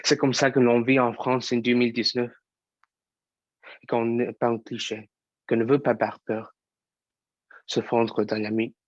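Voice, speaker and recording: A man's voice: mid-range voice, little pitch movement, unhurried, long pauses, no room sound, highs cut off, close to an everyday voice. A young man, a student actor, performing an impassioned theatre monologue as an angry young actor who fights prejudice. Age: young adult.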